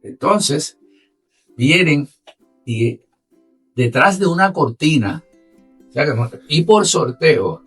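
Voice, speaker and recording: A man's voice: fairly high pitch, very animated, takes it slowly, pauses often, fairly bright tone, breathy edge, far from the mic, soft background music. A man with a Puerto Rican Spanish accent talks conversationally as an interview guest, explaining with animation and checking in with his listener. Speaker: orchestra musician and guest.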